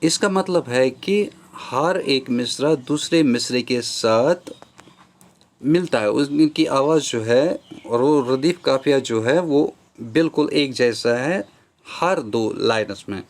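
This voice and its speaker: A man's voice: mid-range voice, expressive, slow. A male teacher with a Kashmiri accent, explaining a poem's rhyme and meter step by step, slipping into English phrases. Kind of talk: classroom lecture on a poem.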